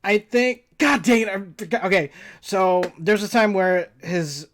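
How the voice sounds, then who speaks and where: A man's voice: high voice, a little slow, a bit bright, a little hiss or hum. Giggly rambling young man hosting. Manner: rambling storyteller, full of fillers and giggles. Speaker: interviewer and stream host. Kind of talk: casual interview chat.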